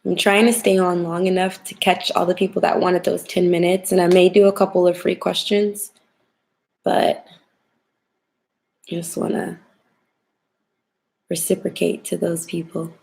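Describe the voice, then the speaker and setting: Young female livestream host, smoky whiskey voice with heavy fry, getting over a cold, informal direct chat. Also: lowish voice, flat delivery, unhurried, pauses often, darkish tone. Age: young adult. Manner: chatty, informal, addressing viewers directly. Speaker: tarot reader hosting a livestream. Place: home kitchen, indoors.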